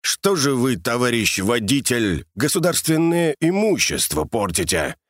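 A man's voice: medium pitch, very animated, normal speed, slightly rough, no echo. Audiobook figure: a sly, mustached police sergeant in his thirties, stern and officious, put on by a male narrator, dry close sound. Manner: stern, then mock-sympathetic.

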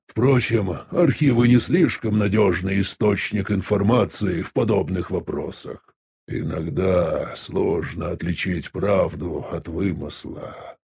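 A man voicing an elderly sect elder in an audiobook, speaking in a measured, weary, reflective way with a husky voice. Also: deep voice, a little mellow, exaggerated voice. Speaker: audiobook voice actor. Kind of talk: audiobook dialogue reading.

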